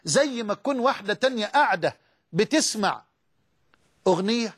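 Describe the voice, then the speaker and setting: A male preacher with an Egyptian accent and a notably high voice. He gives an emotive religious lecture, swears heartfelt oaths and moves between solemn recitation and everyday colloquial talk. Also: animated, brisk, fairly bright tone, husky. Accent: Egyptian Arabic.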